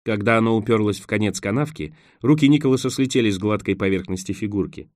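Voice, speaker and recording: A man narrating an adventure novel as an audiobook, steady and measured. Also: fairly low pitch, dry recording, clean studio sound. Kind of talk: scripted narration.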